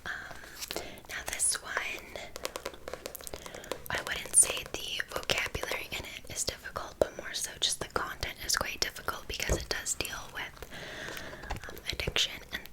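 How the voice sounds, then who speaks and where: A woman speaks entirely in a hushed library whisper. It is a whispered role-play of a helpful librarian, gently explaining books and reading aloud without hurry. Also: moderate pace, low-quality recording. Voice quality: soft unvoiced library whisper. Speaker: ASMR host playing a librarian presenting books.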